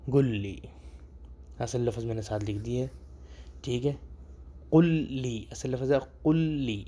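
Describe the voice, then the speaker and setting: A man giving a video lesson on spoken Arabic dialect, explaining phrases patiently and repeating each one slowly with emphasis. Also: medium pitch, fairly even intonation, mellow, slightly rough.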